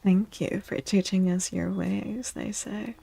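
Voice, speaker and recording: A woman streamer does a tarot reading in soft ASMR style, hushed and often slipping into whispers. Her medium-pitched voice is gravelly and husky, with a steady tone and slow pace.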